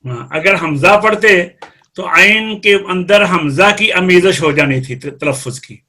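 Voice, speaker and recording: A man's voice: high-pitched, lively intonation, bright, forceful tone. A man with a Pakistani Urdu accent teaching Quran recitation rules in a live class, explaining step by step and quizzing students by name.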